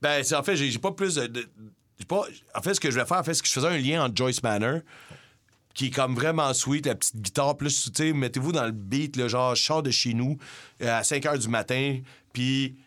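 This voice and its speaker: Young quebec guy rambling about an album, slangy, middle pitch, chill podcast chat. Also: brisk, fairly bright tone. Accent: Québécois French. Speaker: podcast co-host. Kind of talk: casual chat about music.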